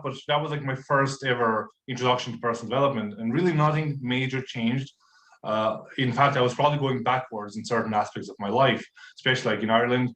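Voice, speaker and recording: A man from Croatia in his thirties, a podcast guest telling his story in relaxed, casual conversation full of fillers and restarts. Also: medium pitch. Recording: roomy echo.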